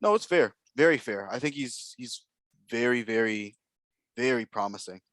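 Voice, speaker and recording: A man's voice: medium pitch, expressive, normal speed, fairly bright tone, no room sound. A man co-hosting a podcast, talking through basketball prospects in a casual, analytical way with lots of fillers and hedges. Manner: analytical, hedging with many fillers. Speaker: podcast co-host. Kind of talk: casual basketball draft chat.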